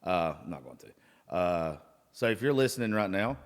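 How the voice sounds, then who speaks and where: Low-voiced hungover man, gushing and cursing. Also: very animated, normal speed. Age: 30s. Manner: gushing, rambling. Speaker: podcast host. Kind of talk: casual chat, profanity-laden. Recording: reverberant room.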